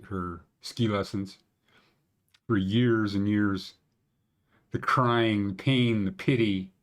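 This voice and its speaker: A man in his fifties hosting a park conditions show, chatting casually in rambling, joking asides. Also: fairly low pitch. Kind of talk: casual morning vlog chat.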